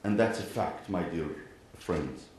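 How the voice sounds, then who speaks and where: An Iraqi-accented imam from Iraq and Kuwait speaks formally before a gathering in a large indoor venue. His deep, expressive voice has a slightly mellow quality, broken by frequent throat clearing, and his phrasing is deliberate and measured, full of pauses and parallel sentences repeated. The hall echoes heavily, with faint background noise.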